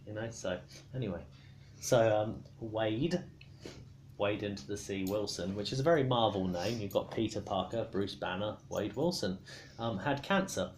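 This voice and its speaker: A drunk man giving a rambling, casual explanation, halting and stumbling over his words, argumentative. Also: on the low side, slight background noise. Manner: swears casually. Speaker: storyteller explaining comic book lore.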